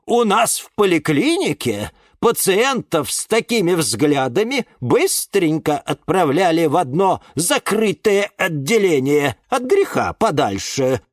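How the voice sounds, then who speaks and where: A man's voice: a little high, big pitch swings, a little slow, few pauses, no room sound, studio quality, pitched above the performer's own voice. Man doing a wailing, fussy old lady plant. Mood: emphatic. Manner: wailing, fretful. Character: fussy, excitable older female houseplant. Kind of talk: audiobook character voice.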